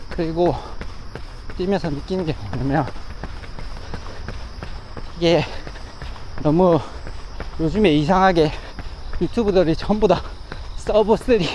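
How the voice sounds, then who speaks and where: Man, high voice, talking while running, short broken phrases, casual solo chat, light outdoor ambience. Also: a little mellow, a little hiss or hum, poor audio. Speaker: amateur runner vlogging. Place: outdoors along a riverside path.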